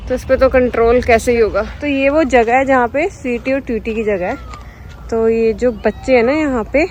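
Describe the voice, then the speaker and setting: A young woman with a fairly high voice chats her way through a street vlog, filmed on a handheld phone. She cooes to the street dogs. Faint street noise sits behind her. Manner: chatty, cooing to street dogs. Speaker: vlogger. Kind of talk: casual vlog chat. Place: outdoors on a city street.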